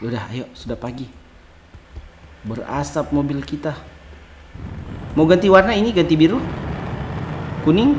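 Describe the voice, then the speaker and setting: A man's voice: a little high, a little slow, long pauses, background noise. A man casually commentating a video game while playing with his child, talking to viewers and throwing out playful apologies. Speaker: gaming video host.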